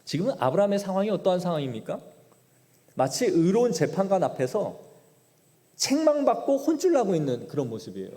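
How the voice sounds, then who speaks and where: A man's voice: sits high, wildly swooping pitch, fairly quick, warm tone. A man preaching a sermon as pastor, retelling scripture in dramatic paraphrase. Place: church sanctuary. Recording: long church hall reverb.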